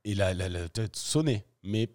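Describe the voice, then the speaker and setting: A man, a professional freeride skier, telling a story in a casual interview, slangy and animated, acting out the scenes as he goes. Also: lowish voice, measured pace.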